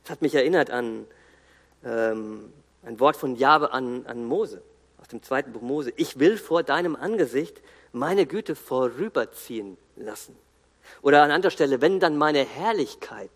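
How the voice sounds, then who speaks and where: A man preaching a sermon in an earnest, emphatic way, pausing and restarting as he builds his points. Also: medium pitch, lively intonation. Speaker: guest preacher. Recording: long hall reverb.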